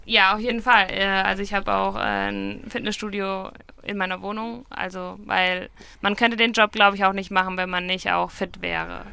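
Bright, crisp young woman with creaky edges. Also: mid-range voice, moderate pace, hardly any pauses. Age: 20s. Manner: chatty, self-correcting, frequent fillers. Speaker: market gardener. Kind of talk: casual interview answers. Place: outdoors at a vegetable field.

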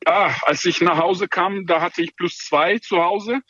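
A man's voice: high-pitched, fairly even intonation, measured pace, sharp tone, no echo, muffled recording. A man running a farm, speaking German in an interview with many hesitations and restarts. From Ukraine.

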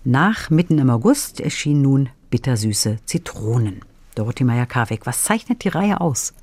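Give me a radio host with a middle-pitched voice who introduces a novel and asks brief questions. The sound is dry and close. The delivery is clear and steady. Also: moderate pace, dry recording.

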